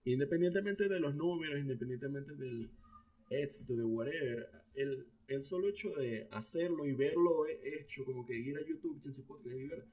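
A young adult man with a Venezuelan Spanish accent, co-hosting a podcast in a relaxed, slangy, rambling chat. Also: medium pitch, normal speed, dull audio. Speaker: podcast co-host. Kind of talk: casual chat.

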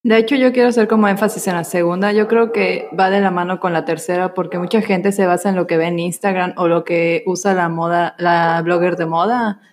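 A woman's voice: fairly low pitch, fairly even intonation, brisk, hardly any pauses, a little hiss or hum. A woman chatting casually on a podcast, agreeable and adding to the points.

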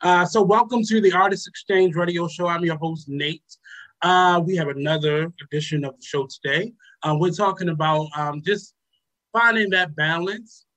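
A man's voice: high-pitched, moderate pace, fairly bright tone, poor audio. Hesitant male radio show host. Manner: hesitant, many ums and uhs. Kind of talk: casual reflective talk.

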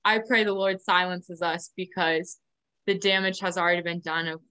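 A woman's voice: fairly low pitch, fairly even intonation, normal speed, bright, forceful tone, clean tone. A woman hosting a faith podcast, talking in an earnest, affirming way and laughing easily. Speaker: podcast host. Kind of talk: casual faith conversation.

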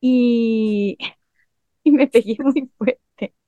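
A woman's voice: a little high, drawn-out words, no room sound, phone-quality sound. A young woman with a Chilean accent chatting casually with friends, teasing them and contradicting their story. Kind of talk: casual chat.

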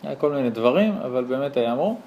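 A man, a rabbi, teaching a lively Torah class to a small live audience, telling stories, acting out dialogue and asking his listeners rhetorical questions. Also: mid-range voice, a little hiss or hum. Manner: animated storyteller who acts out dialogue.

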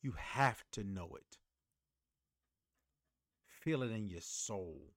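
A man's voice: fairly low pitch, animated, takes it slowly, no room sound, studio quality. A man hosting a motivational podcast, preaching emphatically and calling on listeners to repeat after him. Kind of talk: motivational monologue.

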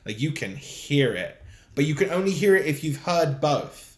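Animated podcast host, roomy sound. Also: male voice, normal speed. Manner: animated storyteller, swings in pitch and loudness. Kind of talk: casual chat on a live podcast. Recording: roomy echo.

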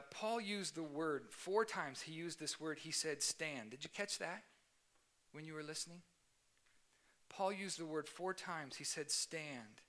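A man's voice: a little high, fairly bright tone. A young man giving an earnest sermon as youth pastor, stressing points by repeating them. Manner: earnest, emphatic, repeats key phrases. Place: church youth service.

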